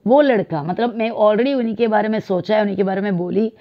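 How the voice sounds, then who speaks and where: A woman teaching a grammar lesson, explaining slowly and drawing out example words as she switches between two languages. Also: mid-range voice, highs cut off. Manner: slow, drawn-out explanations mixing Hindi and English. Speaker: English teacher.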